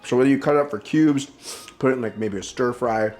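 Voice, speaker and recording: A man's voice: mid-range voice, quick pace, darkish tone, soft background music. A man casually demonstrating a recipe at home, rambling and enthusiastic with plenty of fillers. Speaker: home cook. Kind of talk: casual cooking demo.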